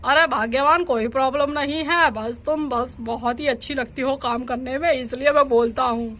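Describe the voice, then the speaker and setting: A woman's voice: high-pitched, moderate pace, a bit bright. A woman voicing a grumpy, boastful old village uncle who bickers and teases, for a doll storybook. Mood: teasing. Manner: bickering, teasing.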